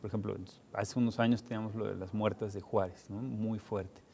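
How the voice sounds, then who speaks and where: A Mexican man with a low, mellow voice, moderating a television studio panel. He talks in a relaxed, conversational way and keeps tagging his questions with a questioning "no". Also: a little fast, vocal fry, a little hiss or hum. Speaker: host.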